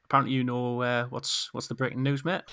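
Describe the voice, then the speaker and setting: Podcast host, hesitant friendly, lots of uhs, bright sharp tone. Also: male voice, mid-range voice, level tone, fast, smooth. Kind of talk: casual podcast chat.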